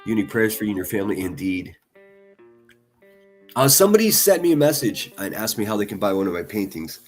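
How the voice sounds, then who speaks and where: A man's voice: fairly low pitch, sing-song, fairly quick, soft background music. A man on a casual live stream reading viewer comments, blunt and profane, talking passionately and often restarting his sentences. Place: at a desk in front of a laptop.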